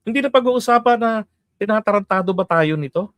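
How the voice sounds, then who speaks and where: A man's voice: high-pitched, animated, quick pace, fairly bright tone, dry recording. A middle-aged man from the Philippines giving casual political commentary as host, chatty, often laughing and asking his listeners to agree.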